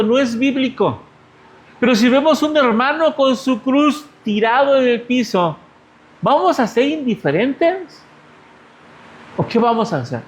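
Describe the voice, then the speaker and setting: A Mexican male pastor giving a conversational sermon, asking the congregation rhetorical questions. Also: extremely high pitch. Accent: Mexican Spanish.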